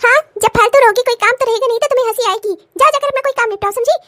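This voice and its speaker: A woman's voice: very high voice, a bit bright, slight background noise. A woman voicing a stern older mother-in-law and grandmother in a cartoon comedy, scolding and lecturing. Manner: scolding, then lecturing in a slow preachy way.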